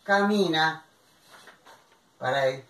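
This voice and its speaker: A man from Argentina teaches a language class at an unhurried, deliberate pace, repeating each example phrase. His voice sounds distant from the microphone and rings in an echoey room. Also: a little high, pushed and bright.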